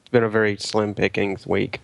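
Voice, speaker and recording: A man with a lowish voice chats in a laid-back, rambling way about films. The sound is dry and close. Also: level tone, a little fast, vocal fry, no echo. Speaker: podcast co-host. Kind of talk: casual chat about films.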